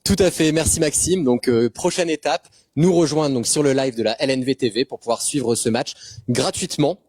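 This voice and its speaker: A man's voice: medium pitch, moderate pace, a little mellow, no room sound. A man co-hosting a live stream, steadily giving viewers practical information. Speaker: co-host of a pre-match live.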